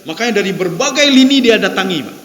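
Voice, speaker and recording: A man with an Acehnese accent preaches in a relaxed, conversational way and keeps turning to his listeners. His voice sits high for a man. The sound rings through a large mosque hall with a long reverb tail. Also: fast talker. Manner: peppers lines with direct address to listeners, repeats phrases. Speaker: Islamic preacher. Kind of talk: conversational sermon.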